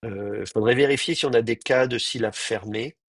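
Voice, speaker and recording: A man teaching an online class, explaining slowly and thinking aloud, with frequent pauses and restarts. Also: mid-range voice, no echo. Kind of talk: live online class lecture.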